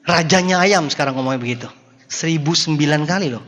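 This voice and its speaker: A man giving a joking, animated motivational talk to an audience. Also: fairly high pitch, fast, big-room sound. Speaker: motivational speaker.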